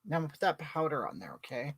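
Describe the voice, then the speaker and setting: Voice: medium pitch, big pitch swings, rapid-fire, creaky, fairly bright tone, slightly rough, no room sound, full character voice. A performer playing a brash older woman who chats through a makeup livestream and greets viewers by name. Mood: chatty. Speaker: livestream host. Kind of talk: comedic livestream character.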